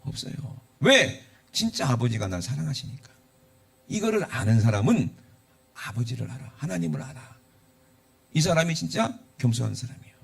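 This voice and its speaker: Middle-aged pastor, gravelly, animated sermon delivery. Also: male voice, mid-range voice, normal speed. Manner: conversational preaching with rhetorical questions and acted quotes.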